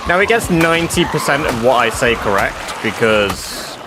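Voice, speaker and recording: Here a man from England chats informally with his live-stream audience, with plenty of filler words and casual cursing. He speaks at a normal speed with a medium, sing-song pitch and an English accent with northern hints, over some background noise.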